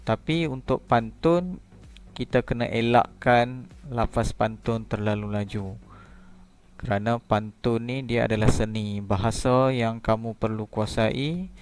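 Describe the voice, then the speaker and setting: A man's voice: lowish voice, a little mellow. A man teaching a primary school lesson, explaining patiently step by step. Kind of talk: recorded classroom lesson.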